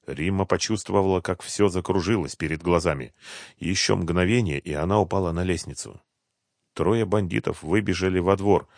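A man narrating a crime audiobook in an even, measured manner. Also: deep voice, gravelly, dry recording, studio quality.

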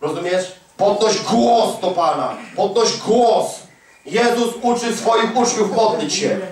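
A man's voice: high-pitched, slow pace, darkish tone. A man preaching a fervent, emphatic sermon full of rhetorical questions. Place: large echoey prayer hall. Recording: echoey hall recording from far off.

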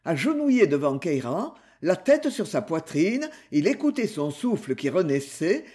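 A man reading a novel aloud as an audiobook narrator in an expressive, dramatic way. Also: a little high, a little slow.

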